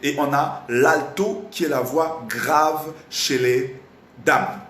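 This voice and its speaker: A slightly hoarse man teaching a live online singing lesson, animated and repetitive, often stopping to quiz his audience. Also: fairly high pitch, slow. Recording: roomy echo, faint background noise.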